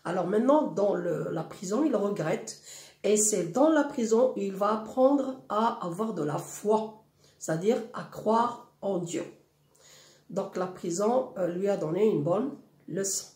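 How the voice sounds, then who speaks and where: A woman's voice: medium pitch, animated, a little slow, dark tone. A woman teaching a French poetry lesson, patiently explaining and asking the class questions she then answers herself. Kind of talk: slow classroom explanation of a poem. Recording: roomy, echoey room.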